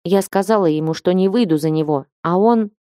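A headstrong young bride voiced by a woman narrator speaks up in a raised, higher voice. The tone stays mellow. It is recorded close and dry. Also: a little fast, dry recording, lightly acted. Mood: agitated. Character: young rebellious woman, a reluctant royal bride.

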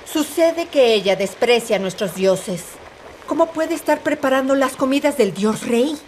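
A suspicious, resentful handmaiden of an ancient palace, accusing others in formal speech. The voice is fairly high, with faint rain-like noise behind this dubbed drama. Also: female voice, animated, moderate pace, a little mellow. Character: spiteful, suspicious royal handmaiden, indignant accuser. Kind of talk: dubbed period television drama.

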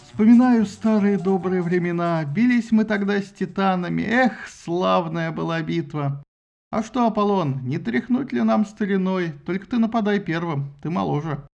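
A man's voice: sits high, animated, normal speed, creaky, hardly any pauses, a little mellow, highs cut off, soft background music, voice pushed up. A man voicing an old, grumbling male sea god in an audiobook, dragging and muttering. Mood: nostalgic. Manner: nostalgic then flustered grumbling.

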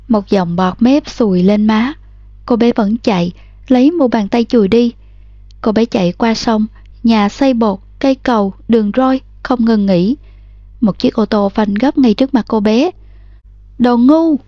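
Woman narrating in a mellow voice. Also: fairly high pitch, no echo, dull audio. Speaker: audiobook narrator. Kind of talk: scripted narration.

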